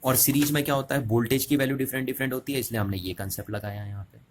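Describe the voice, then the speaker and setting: A man's voice: mid-range voice, fairly even intonation, rapid-fire. A man teaching a physics lesson at a board, explaining step by step and often checking with the students. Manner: repetitive, checking questions to students.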